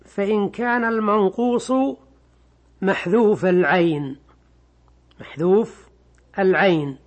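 A man teaching an Arabic grammar lesson, explaining slowly and repeating key words. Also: sits high. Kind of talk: classroom lesson on grammar and Quran readings.

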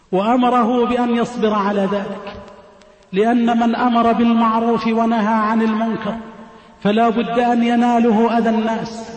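Male preacher, sermon, high voice, even and level delivery, repeats phrases, echoey hall reverb. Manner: measured, repeats phrases for emphasis. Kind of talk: Friday sermon.

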